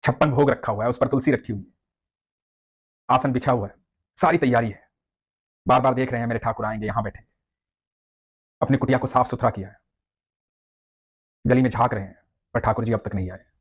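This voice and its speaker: Fast, husky male storyteller. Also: medium pitch. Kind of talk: devotional storytelling narration.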